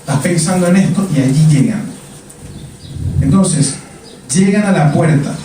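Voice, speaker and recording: A man's voice: a little high, animated, a little slow, mellow, slight background noise. A male preacher delivering a sermon in a church. He speaks emphatically, repeating words and asking the congregation questions. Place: church sanctuary. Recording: echoey church from a distance.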